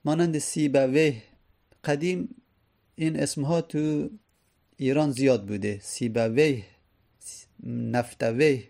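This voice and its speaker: A man gives a grammar lesson in a dark, gravelly voice. He explains step by step and says each example more than once so the students can follow. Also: mid-range voice, long pauses. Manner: explains patiently with repeated examples. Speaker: teacher.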